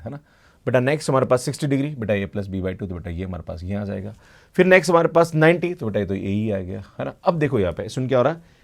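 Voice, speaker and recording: A man's voice: lowish voice, vocal fry, darkish tone. A middle-aged man teaching a math class at a board. He mixes in technical English terms, checks in with the students again and again, and calls them "beta". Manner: addresses students as "beta", constant "hai na" check-ins.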